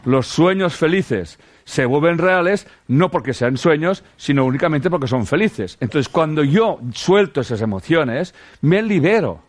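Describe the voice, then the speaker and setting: A man from Spain with a Castilian accent leads a relaxed spiritual talk before a group. His pitch swings lively up and down as he pushes rhetorical questions and salty slang. He keeps addressing his listeners affectionately as sweethearts. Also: measured pace, hardly any pauses. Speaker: spiritual teacher.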